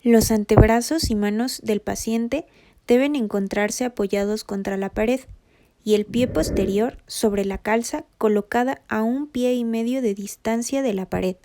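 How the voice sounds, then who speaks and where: A woman giving a scripted, methodical narration for a rehabilitation lesson, reading anatomy terms in an even voice-over. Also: a little high, unhurried. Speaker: rehabilitation instructor.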